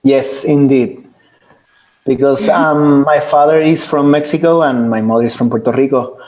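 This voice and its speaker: Earnest halting man. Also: mid-range voice, steady tone, a little mellow. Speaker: band member. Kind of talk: casual Q&A answer.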